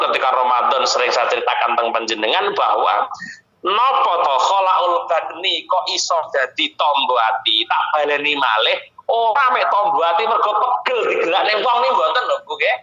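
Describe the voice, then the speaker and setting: A man's voice: fairly high pitch, expressive, moderate pace, pushed and bright. A man with a Javanese accent preaching a sermon, reciting Arabic and then explaining it, and often speaking straight to his listeners. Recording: echoey, dull lo-fi recording.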